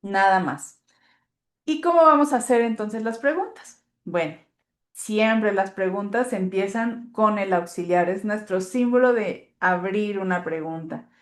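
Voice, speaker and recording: A woman teaching English grammar with a patient, step-by-step manner. Her voice sits at an ordinary middle pitch. The room around her sounds roomy and echoey. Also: animated, a little slow. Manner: patient, clear teacherly explanations with fillers.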